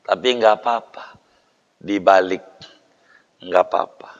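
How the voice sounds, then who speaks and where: A man's voice: low-pitched, steady tone, measured pace, muffled recording. A man giving an informal religious lecture. He speaks plainly and acts out quoted people in a raised voice. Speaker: preacher. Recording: long hall reverb.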